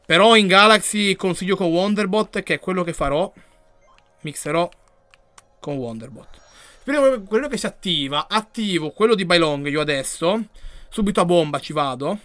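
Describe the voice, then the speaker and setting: A man giving live commentary while he plays a video game. He reads the chat aloud and yells and swears when the game goes wrong. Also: sits high, animated, normal speed, no room sound, faint music behind. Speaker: gaming streamer.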